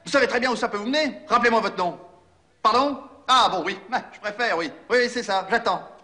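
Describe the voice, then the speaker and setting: Un jeune acolyte fanfaron à la voix haute. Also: male voice, high-pitched, fairly quick. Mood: cocky. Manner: lively, boastful, hams up a phone call.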